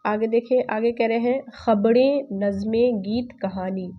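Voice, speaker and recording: Patient woman teaching reading slowly. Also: on the high side, fairly even intonation, highs cut off. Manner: patient, repeats words slowly to spell them. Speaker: Urdu teacher. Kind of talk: slow spelling-out lesson.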